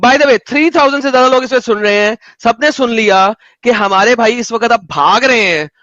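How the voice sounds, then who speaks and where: A man's voice: extremely high pitch, fairly quick, sharp tone, dry recording, lo-fi sound. A man hosting a heated online debate, insistent and repeating himself, mixing in English.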